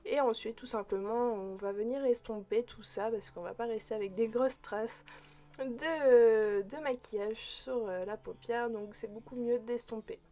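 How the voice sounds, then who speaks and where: A woman narrating a casual makeup tutorial in a chatty, relaxed way, pausing with small hesitations and speaking to her viewers like friends. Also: a little high. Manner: addresses viewers directly as friends. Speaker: beauty vlogger.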